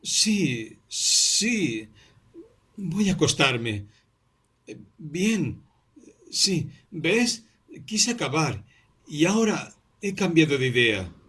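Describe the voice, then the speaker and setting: A man voicing a dazed, feverish young clerk who speaks slowly, vaguely and mysteriously. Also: on the high side, very animated, fairly bright tone, breathy edge, pitched above the performer's own voice, heavily acted.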